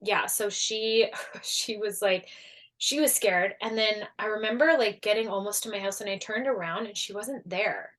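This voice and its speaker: A woman guest tells a long personal story in a casual, chatty way. She jumps into quoted voices, leans on fillers like "like", and sits at an everyday middle pitch. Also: moderate pace. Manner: animated, acts out quoted voices, many fillers. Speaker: guest, energy healer and coach.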